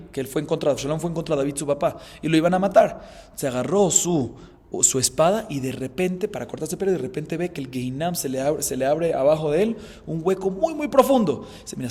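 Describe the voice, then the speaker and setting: A man teaches a Talmud class as a rabbi, explaining each passage patiently and chanting the original Hebrew and Aramaic lines. He keeps checking in with his listeners by asking "¿sí?". His fairly high voice rings with a long hall reverb. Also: darkish tone. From Colombia.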